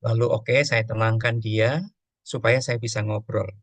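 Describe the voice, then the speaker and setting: Pastor, male, gravelly voice, dry close sound, storytelling teacher who acts out prayers. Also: lowish voice, flat delivery, unhurried, no echo. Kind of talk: teaching session on emotions and prayer.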